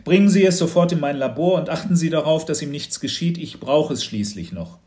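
A man voicing a rasping, self-important male expert who lectures everyone, in a storybook reading. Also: on the high side, expressive, brisk, warm tone, pitched above the performer's own voice, natural voice. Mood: pompous.

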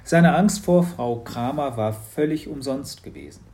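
A man's voice: a little high, unhurried. Man reading a children's story. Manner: lively storytelling. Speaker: narrator. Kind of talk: children's audiobook narration.

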